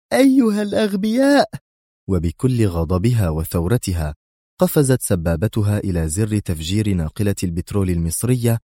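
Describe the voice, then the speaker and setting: A man's voice: low-pitched, warm tone, no room sound, studio quality. A man reading an action thriller as a dramatic audiobook narrator.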